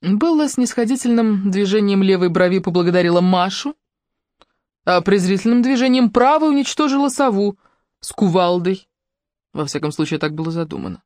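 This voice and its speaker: Brief: female audiobook narrator, wry even storytelling, dry studio read. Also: medium pitch, moderate pace, no echo. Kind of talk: scripted narration.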